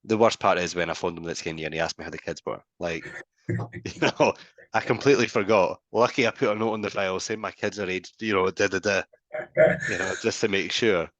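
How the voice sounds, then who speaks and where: Deep-voiced man, lively storyteller. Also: fairly quick, no room sound. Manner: animated storyteller, acts out phone calls. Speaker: podcast co-host. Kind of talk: casual podcast conversation.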